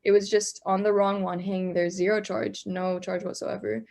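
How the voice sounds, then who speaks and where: A young woman from Palestine talks as an interview guest. She tells her story casually and acts out every side of the dialogue. Her voice sits in an ordinary middle pitch for a woman. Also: moderate pace, vocal fry. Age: young adult. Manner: animated retelling, acting out both sides of dialogue. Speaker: interview guest, law student.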